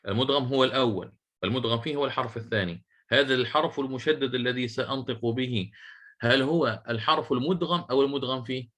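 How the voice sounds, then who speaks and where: A man's voice: mid-range voice, fairly bright tone. Man teaching recitation rules in class. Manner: questions the students and repeats key phrases slowly; recites Quranic verses in a measured chanting tone. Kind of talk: classroom lecture on tajweed.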